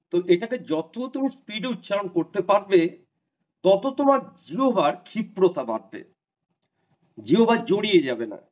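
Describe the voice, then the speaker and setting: High-voiced man lecturing students earnestly. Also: darkish tone. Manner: earnest, repetitive, addresses students directly with advice. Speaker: teacher advising job candidates. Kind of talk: online class lecture to students.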